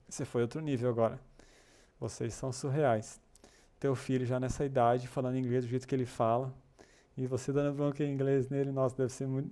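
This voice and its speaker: A chatty man with a mellow, medium-pitched voice hosts an English class for a developer community, running a casual live-stream lesson where he reads chat comments. He's encouraging and full of filler tags and restarts.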